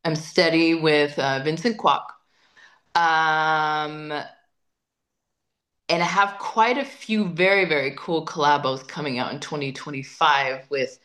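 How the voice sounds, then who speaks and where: Her voice sitting low yet a bit bright, a female singer-songwriter talks through a casual interview conversation. She's chatty and emphatic, frequently repeating words while gathering her thoughts.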